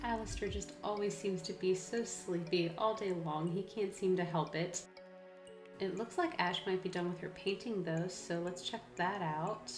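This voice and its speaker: A woman's voice: fairly low pitch, moderate pace, echoey room. A woman giving casual, chatty let's play commentary as a gaming video creator, often talking directly to the characters. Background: background music.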